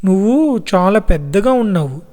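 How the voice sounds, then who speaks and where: A man's voice: sits high, lively intonation, moderate pace, darkish tone. A man voicing a shy, curious six-year-old boy who keeps asking questions, in an audiobook story. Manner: questioning, hesitant. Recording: long reverb.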